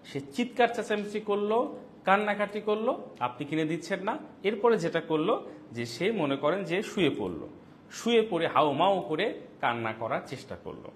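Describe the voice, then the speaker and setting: A man with a Bangladeshi Bengali accent hosts a live parenting talk, acting out quoted lines with a lively delivery. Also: high-pitched, moderate pace, slight background noise.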